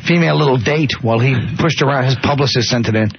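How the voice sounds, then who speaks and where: A man's voice: mid-range voice, fast, noisy background. A man appearing as a comedian guest on a radio show, telling a story with dry, sarcastic asides. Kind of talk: casual radio banter. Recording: dull lo-fi radio broadcast.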